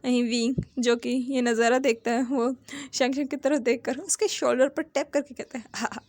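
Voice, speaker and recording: A woman retelling a drama series episode as a steady, plain storyteller, speaking close to the mic. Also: sits high, moderate pace, no room sound.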